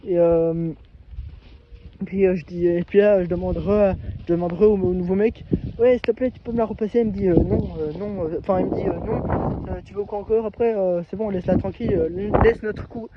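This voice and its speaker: Male vlogger, high voice, halting casual storytelling, muffled lo-fi sound. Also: fairly even intonation, heavy background noise. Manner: hesitant, halting, many restarts. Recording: dull lo-fi recording.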